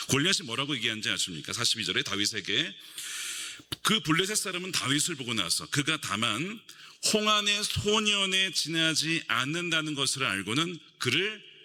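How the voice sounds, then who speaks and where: Emphatic pastor with a bright voice. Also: male voice, medium pitch. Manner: emphatic, rhetorical questions to the congregation. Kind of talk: sermon. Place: church sanctuary. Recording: reverberant church sanctuary.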